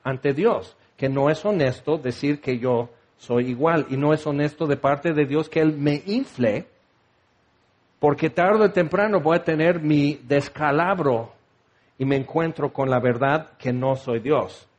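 A man preaching a sermon, lively and animated, acting out quoted voices as he goes. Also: a little high, a little slow.

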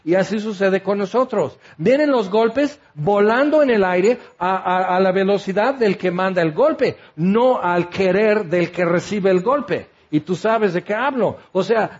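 A man preaching a sermon in an emphatic, conversational way, full of rhetorical questions, on a dull lo-fi recording. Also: high-pitched.

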